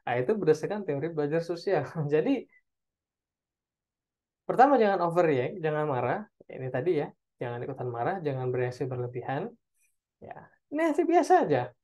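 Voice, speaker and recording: A man leads an online parenting webinar, taking audience questions and answering each in turn. His delivery is relaxed and chatty, full of small check-ins with his listeners. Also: fairly high pitch, brisk, long pauses, highs cut off. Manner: conversational, tags phrases with "ya" and "oke".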